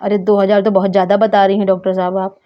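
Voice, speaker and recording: A woman's voice: medium pitch, little pitch movement, quick pace, close to an everyday voice. A woman voicing a worried grown man who pleads with a doctor and grumbles about her fee, in a doll story. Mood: anxious. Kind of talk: doll story role-play. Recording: dull lo-fi sound.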